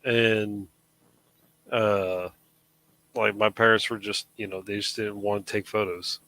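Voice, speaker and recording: A man's voice: on the low side, flat delivery, measured pace, sharp tone, no echo, low-quality recording. A man in his thirties chatting casually on a live show, rambling with frequent restarts. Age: 30s. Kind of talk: casual chat.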